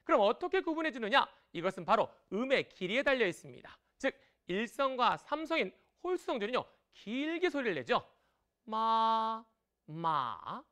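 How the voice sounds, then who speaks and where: Lively Korean woman teaching a broadcast lesson. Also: fairly high pitch, fairly quick, hardly any pauses. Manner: lively and encouraging, drawing out example tones. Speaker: Chinese language teacher.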